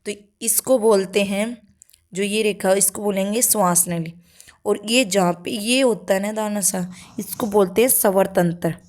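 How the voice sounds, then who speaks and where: A woman teaching an exam-prep grammar lesson, asking questions aloud and answering them herself, often checking in with a quick "okay". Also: medium pitch, darkish tone. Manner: checks in with frequent "okay" tags.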